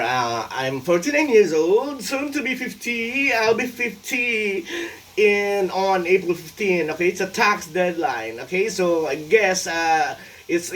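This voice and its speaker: A Filipino man in his forties, talking alone in a rambling vlog, halting and full of fillers, playful at times. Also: high-pitched, lively intonation, fairly bright tone, far from the mic. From Philippines. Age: 40s. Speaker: vlogger and tax consultant.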